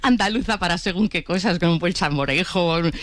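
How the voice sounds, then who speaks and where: A woman's voice: fairly low pitch, brisk. A woman from Madrid, a guest on a radio chat, talking in a rambling, opinionated way. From Madrid, Spain. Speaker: guest commentator.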